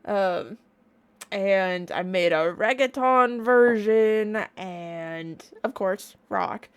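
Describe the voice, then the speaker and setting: A woman's voice: mid-range voice, drawn-out words, clear, resonant tone. Bubbly, playful woman streamer chatting casually. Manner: bubbly, playful, gushing enthusiasm. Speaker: online reaction streamer and music creator. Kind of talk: casual excited reaction chat.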